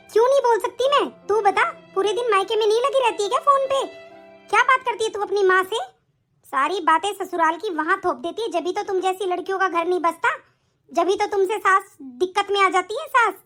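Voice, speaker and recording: A woman voicing a harsh, bossy middle-aged mother-in-law who taunts and scolds in an animated story. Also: very high-pitched, brisk, soft background music. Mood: scolding.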